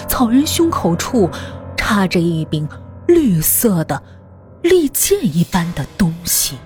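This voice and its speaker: A woman narrating a horror story in a hushed voice that often drops to a half-whisper. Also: mid-range voice.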